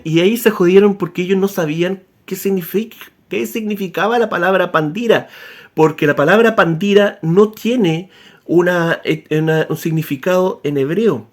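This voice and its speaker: Male author, high voice, casual animated lecture style with frequent restarts. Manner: animated, with many tag questions and restarts. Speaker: author explaining history. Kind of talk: informal spoken lecture.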